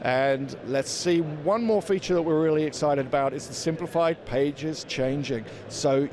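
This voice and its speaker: A company representative in his forties, fairly high-pitched, talks through his products for an interview at a trade show's indoor booth, halting a bit and repeating himself. The handheld interviewer's mic also picks up the busy crowd noise of the trade-show floor.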